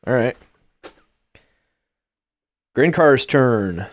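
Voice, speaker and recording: Male game master, unhurried casual tabletop narration, dry and slightly dull recording. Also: mid-range voice, animated, dry recording.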